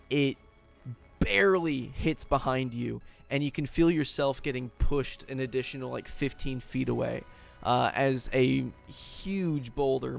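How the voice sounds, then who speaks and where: A man's voice: medium pitch, vocal fry. A man narrating a tabletop game as game master, loose and full of fillers.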